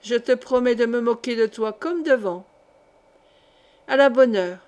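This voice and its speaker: A woman's voice: a little high, unhurried, darkish tone, lightly acted. A woman reading the lines of a jovial, teasing older male colonel in an audiobook, in a bantering, mocking tone.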